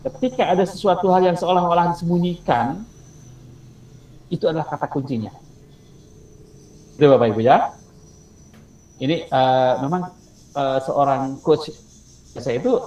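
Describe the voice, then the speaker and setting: A man's voice: on the high side, dark tone. A man teaching an online teacher-training class, explaining step by step and asking the class questions. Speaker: instructor. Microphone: video call. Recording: roomy, distant mic, faint insect noise.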